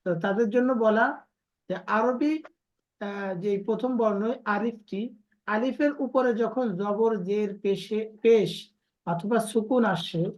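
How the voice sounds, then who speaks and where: The audio is dull, and the female Quran recitation teacher speaks a little slowly at a medium pitch with a darkish tone. In her online lesson on letters and pronunciation, she explains patiently and has her students repeat.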